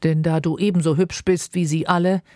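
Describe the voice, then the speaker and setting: A woman's voice: lowish voice, steady tone, a little fast, a little mellow, dry recording, studio quality, natural voice. A woman reading aloud and voicing a laconic, drily ironic older husband. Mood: dry, teasing. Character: dry, teasing older husband, unbothered.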